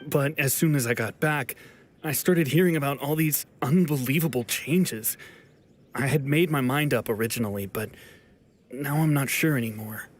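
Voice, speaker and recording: An actor playing a nervous, polite, apologetic fugitive in a video game, humble and hesitant. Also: male voice, medium pitch, normal speed, natural voice. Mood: grateful, uncertain.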